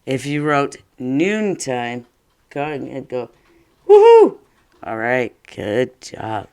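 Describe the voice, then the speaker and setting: A man teaching an online first grade phonics lesson, sounding out words slowly and cheering children on. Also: mid-range voice, clear, resonant tone, dry recording.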